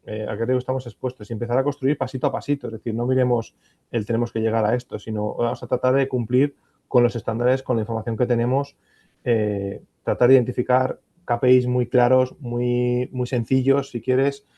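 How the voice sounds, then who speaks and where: A man's voice: mid-range voice, little pitch movement, brisk, mellow, no room sound, muffled recording. A man with a Spanish accent answering questions as an expert on a conference panel, thoughtful and hesitant, often restarting his sentences. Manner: thoughtful, many fillers and restarts. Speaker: panel expert on ESG reporting.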